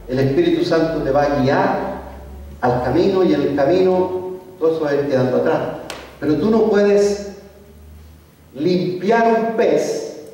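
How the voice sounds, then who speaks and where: A man's voice: on the high side, mellow. A man leading an evangelism workshop in a church, teaching conversationally and often repeating or correcting himself mid-sentence. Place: church hall. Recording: echoey church hall, mic far off.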